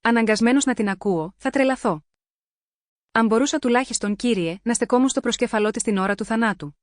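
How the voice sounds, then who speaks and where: A woman's voice: a little high, dry recording, clean studio sound, lightly acted. Woman reading an anguished man's prayer. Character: bereaved man praying to God.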